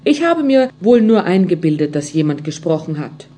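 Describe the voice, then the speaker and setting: A woman's voice: fairly low pitch, very animated, moderate pace, warm tone, husky. Woman doing an old frightened carpenter. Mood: fearful. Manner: talks to himself, stammering when scared. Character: old male carpenter, jolly but easily frightened.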